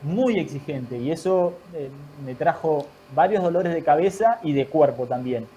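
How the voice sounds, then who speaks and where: A man, a guest in an online talk, giving calm, thoughtful advice in measured explanatory phrases. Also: fairly high pitch, slight background noise. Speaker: guest speaker.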